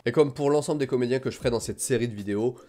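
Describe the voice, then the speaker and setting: A man's voice: mid-range voice, very fast, noisy background. A man hosting a casual video commentary, talking in an enthusiastic, colloquial way. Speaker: video host. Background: background music.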